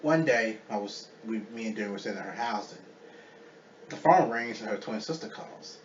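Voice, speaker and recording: A man co-hosting a casual chat, telling family stories in an excitable, laughing manner. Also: fairly low pitch, normal speed. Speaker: co-host. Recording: distant, roomy, lo-fi with faint background hum.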